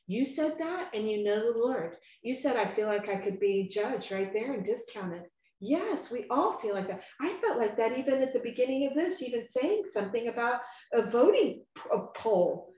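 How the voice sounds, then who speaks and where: An earnest woman talks through scripture in a casual, rambling way, her voice a little high. The sound is echoey and muffled, like a lo-fi recording in a bare room. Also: moderate pace. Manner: earnest, animated, rambling with sudden drops to quiet. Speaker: Bible study host. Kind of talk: casual faith discussion.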